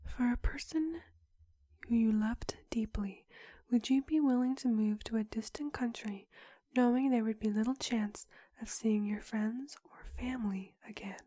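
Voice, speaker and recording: A young woman whispering an ASMR roleplay as a clinic counselor, asking questions softly with pauses. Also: on the high side, no room sound. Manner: soft whisper throughout, slow questioning with pauses. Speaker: ASMR creator.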